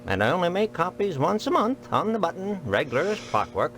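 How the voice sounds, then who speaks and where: A man's voice: high-pitched, big pitch swings, a little fast, a bit bright, a little hiss or hum, full character voice. An actor playing a stubborn older male small-town postmaster, folksy and patronizing. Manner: folksy, patronizing, rule-bound.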